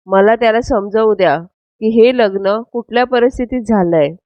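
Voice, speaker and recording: A woman's voice: on the high side, normal speed, dry recording, close to an everyday voice. A woman voicing an earnest, stubborn young woman who keeps pleading, in a dull, dry, lo-fi recording. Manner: pleading, insistent.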